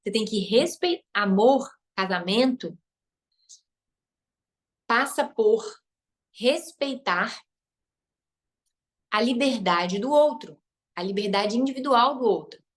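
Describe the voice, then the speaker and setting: A woman with a Brazilian Portuguese accent, a relationship coach and therapist, leads a live online masterclass. Her slightly high voice has lively intonation, and she speaks slowly with long pauses. She is emphatic, repeats key phrases, and adds tag questions.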